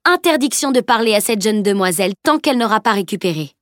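A woman reading a graceful young woman warrior who speaks playfully and gently takes charge. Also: medium pitch, expressive, fast, no echo, clean studio sound, natural voice.

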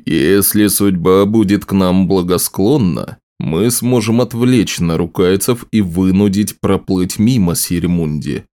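Showman nobleman, read by a man: low, mellow, unhurried, self-assured. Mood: scheming. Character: theatrical scheming male nobleman, showman. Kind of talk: audiobook role reading.

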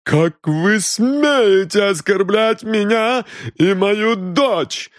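A shrill, furious middle-aged woman, as a male reader puts her on hurls indignant outbursts in a raised, strained voice. Her defiance climbs ever higher. The sound is close and dry, with no room around it. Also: expressive, drawn-out words, no room sound, full character voice. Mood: desperate.

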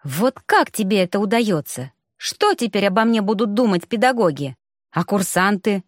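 A woman's voice: mid-range voice, sing-song, normal speed, dry recording. Audiobook casting: a woman voicing a fussy, flustered male rector in a girl's body, dry close read. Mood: flustered complaining. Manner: flustered, complaining.

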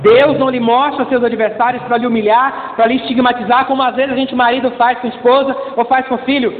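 A man's voice: very high-pitched, level tone, fairly quick. A man, preaching a conversational sermon as a pastor, calling out to the congregation and acting out little scenes in different voices. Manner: conversational preaching with acted-out voices and call-and-response. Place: church. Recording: echoey church hall over a tinny line.

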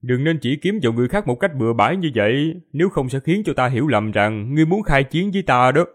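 A man voicing an aloof young swordsman who speaks slowly and calmly. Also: mid-range voice, close to an everyday voice. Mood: cold. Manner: slow, calm, cold. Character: cool, aloof young male swordsman, calm and dangerous.

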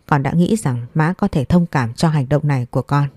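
A woman's voice: low voice, warm tone, dry recording, studio quality. A woman voicing a young daughter-in-law who answers politely but firmly. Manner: respectful, measured, firm.

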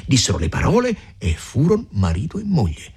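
Male reader doing a sharp-tongued peasant mother, husky, lively, for audiobook. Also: medium pitch, a little fast, voice pushed up, heavily acted. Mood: indignant. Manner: lively, insistent, raised voice. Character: shrewd scolding peasant mother, older woman. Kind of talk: audiobook reading.

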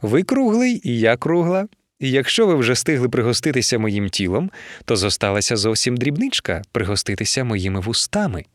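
A man's voice: medium pitch, big pitch swings, fairly quick, dry recording, studio quality, lightly acted. A man voicing a coquettish, mocking bodiless woman's head in an audiobook. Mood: flirtatious. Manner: flirtatious, teasing.

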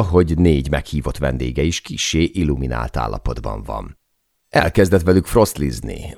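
A man narrating a memoir audiobook as a steady, scripted storytelling reading. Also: very deep voice, no room sound, studio quality.

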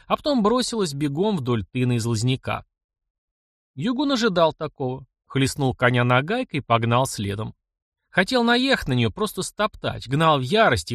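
A man narrating an audiobook in an expressive, dramatic storytelling manner. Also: mid-range voice, no room sound, studio quality.

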